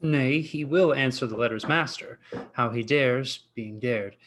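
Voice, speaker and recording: A man playing a level-headed young kinsman who gives brisk, plain replies. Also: medium pitch, a bit bright, poor audio. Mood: matter-of-fact.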